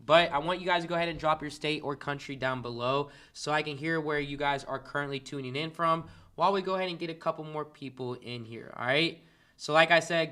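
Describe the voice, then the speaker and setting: A man from Kansas City, Missouri, US, coaches dropshipping on a casual livestream and greets his chat viewers by name. His voice is a little high, pushed and bright.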